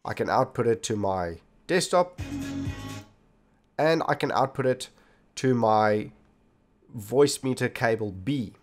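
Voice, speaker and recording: Faint music plays behind a man who hosts a step-by-step tech tutorial, his medium-pitched voice lively, measured and broken by long pauses. He speaks straight to viewers in scripted-feeling narration while demonstrating indoors, recorded on a desktop computer mic.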